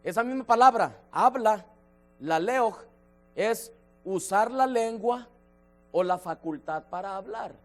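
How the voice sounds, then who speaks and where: A man leading a church Bible study, emphatic, slowing down to stress key words and addressing listeners by name. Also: high-pitched, expressive, faint music behind. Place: church sanctuary.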